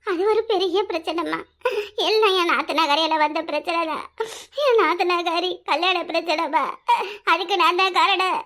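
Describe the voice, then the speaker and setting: A woman doing a squeaky wailing village daughter. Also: normal speed, fairly bright tone. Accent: Kanyakumari Tamil. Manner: wailing, melodramatic laments. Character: young married woman, beaten by husband, weepy and complaining. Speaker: daughter in a family quarrel. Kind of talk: village cartoon comedy voice.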